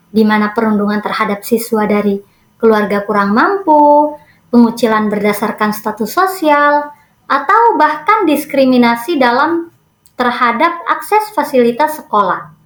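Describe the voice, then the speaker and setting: A woman's voice: fairly high pitch, reverberant. A woman hosting a podcast, telling a listener's story in a chatty way and talking straight to her audience with rhetorical questions. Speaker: podcast host. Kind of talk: casual scripted podcast narration.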